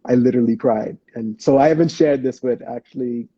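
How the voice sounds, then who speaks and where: A man from the Bahamas hosts a podcast with a very dark, mellow, husky voice. He talks in an affirming and reflective way, often praising his guest. The sound is dry, dull and lo-fi. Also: mid-range voice, a little fast, dry recording. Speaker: podcast host. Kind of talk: casual interview chat.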